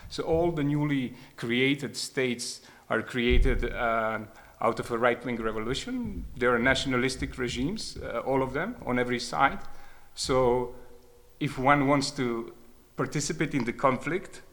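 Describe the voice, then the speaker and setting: A man's voice: medium pitch, measured pace, a bit bright. A man, speaking reflectively about his experience and often hesitating and repeating words as he thinks. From Croatia. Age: 30s. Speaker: speaker sharing personal experience. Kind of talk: reflective spoken testimony.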